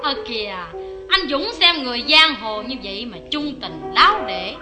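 A chatty wife who teases her husband, speaking with a Southern Vietnamese accent. Her voice is high and very lively in pitch. Music sounds clearly behind her in this radio play. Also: moderate pace. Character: affectionate, sharp-tongued young wife. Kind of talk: vintage radio drama acting.

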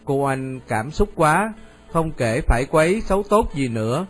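A man narrates a radio story at a steady pace. His voice sits a little higher than most men's, and faint music plays beneath it. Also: measured pace.

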